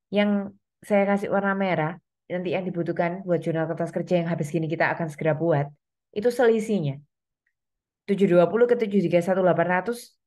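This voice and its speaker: An accounting lecturer teaches students in a slightly low, very mellow voice. She walks through the material step by step, frequently stopping for reminders and quick check-ins so everyone keeps up.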